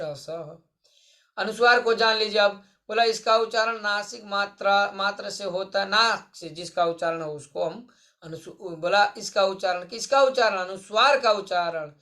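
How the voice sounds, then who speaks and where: A man's voice: high-pitched, bright, forceful tone. A male Sanskrit teacher speaking in an online lesson. He explains each point, asks the class a question and answers it himself, and calls his listeners friends. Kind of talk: online exam-prep lesson.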